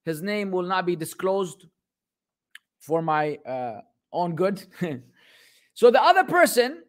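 Animated high-voiced Lebanese-born man. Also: slow pace. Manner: animated, laughing, mixes in Arabic phrases. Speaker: religious teacher. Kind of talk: casual storytelling lesson.

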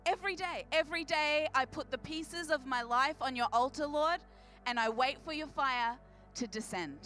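During a church service, a woman with an Australian accent preaches to the congregation in a high-pitched, fairly bright voice. She projects big and emphatically, repeating phrases for effect.

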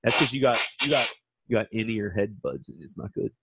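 A man's voice: lowish voice, expressive, fairly quick, heavy background noise. A young man co-hosting a podcast, cracking crude jokes and boasting playfully in casual banter. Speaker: podcast co-host.

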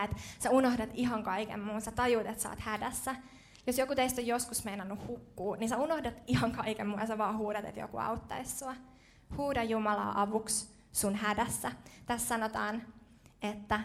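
A young woman preaching a sermon in church, casual and lively, with slangy, self-deprecating humor. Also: on the high side.

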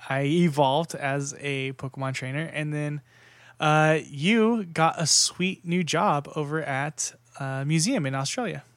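A man's voice: fairly high pitch, a little slow, a bit bright, no echo, studio quality. A young man hosting a podcast in casual chat, talking loosely with lots of fillers and restarts. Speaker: podcast host.

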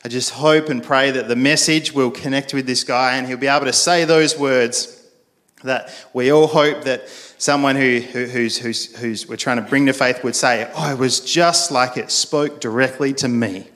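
A man's voice: medium pitch, fairly even intonation, normal speed, a bit bright. A male pastor, giving a sermon in a casual storytelling way, with frequent fillers and restarts.

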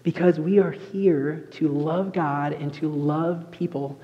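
A young man preaching a sermon as a pastor, telling an animated story. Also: on the high side, takes it slowly. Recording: muffled sound, long reverb of a large room.

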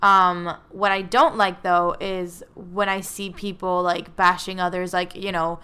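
A woman's voice: on the low side, level tone, a little slow, pushed and bright, smooth. A young woman co-hosting a casual celebrity news chat, chatty and opinionated, with lots of fillers. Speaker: co-host.

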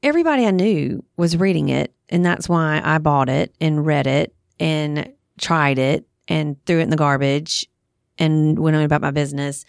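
A podcast host in her thirties or forties chats casually and frankly, thinking aloud as she goes in a conversational podcast. Her voice sits low and is creaky, recorded with clean studio sound and no echo.

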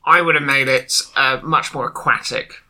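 Very bright-voiced man, deadpan jokes. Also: medium pitch, moderate pace, low-quality recording. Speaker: podcast guest. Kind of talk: casual comedic chat.

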